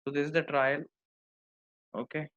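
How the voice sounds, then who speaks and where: Indian guy walking thru a software demo, kinda high voice, repeats himself, dull lofi mic. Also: level tone, normal speed. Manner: repeats phrases for emphasis. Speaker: software instructor. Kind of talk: screen-demo tutorial, explaining step by step. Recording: dull lo-fi microphone sound.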